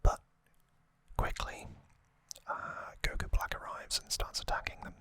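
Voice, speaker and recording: Whispering breathily with no voice behind it, a male ASMR host recaps things casually, pausing often in a close, intimate manner. His tone is bright and forceful, and the recording is dry.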